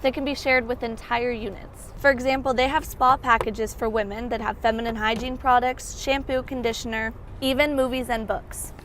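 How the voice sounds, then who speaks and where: A young woman delivers scripted news narration in a fairly high, crisp voice. Her cadence is measured and even, like a reporter's package read. Clear background noise sits behind her. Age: young adult. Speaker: student reporter.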